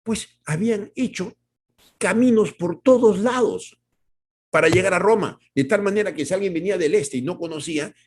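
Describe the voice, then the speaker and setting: Male pastor preaching, kinda husky, punchy, lots of rhetorical questions. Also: high voice, moderate pace, a little mellow. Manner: preaches directly to the congregation. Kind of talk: sermon.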